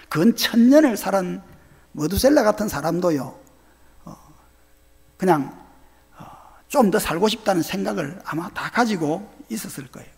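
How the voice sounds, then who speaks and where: Man, Gyeongsang accent, pastor, sermon, gravelly voice, swooping pitch, asks the congregation questions. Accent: Gyeongsang Korean. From Geoje Island, South Korea. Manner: animated and conversational, questions to the congregation. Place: church sanctuary. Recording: long church hall reverb.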